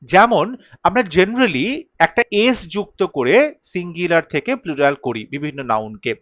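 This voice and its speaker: Man, Bengali accent, grammar teacher, high voice, dry close sound, patient and repetitive. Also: animated, normal speed, a bit bright, no room sound, muffled recording. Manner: patient, spells out letters and repeats word pairs. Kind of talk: lesson explanation.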